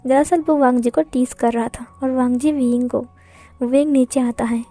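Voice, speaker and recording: A woman narrating a fan fiction story in a chatty manner. Her voice is high and mellow. The recording is dry and close, with faint music underneath. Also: steady tone, normal speed.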